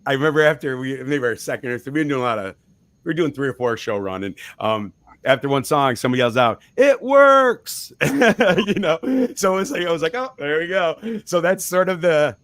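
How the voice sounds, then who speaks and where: A man's voice: mid-range voice, fast talker, a bit bright, no echo. A man being interviewed about his band, talking loosely with frequent restarts and small laughs. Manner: rambling, chuckling, frequent restarts. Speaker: musician guest. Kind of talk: casual interview talk.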